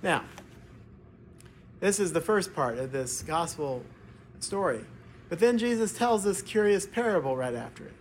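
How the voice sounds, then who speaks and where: A man preaching a homily in a church, speaking in a measured, formal way as if from a prepared text. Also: on the high side, animated, a little hiss or hum. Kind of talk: sermon, homily. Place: inside a church.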